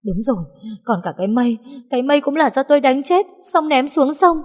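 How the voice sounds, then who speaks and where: A woman voicing a terrified scheming young wife who begs in stammering, shrill pleas. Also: normal speed, darkish tone, in a large hall, close to an everyday voice. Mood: confessing.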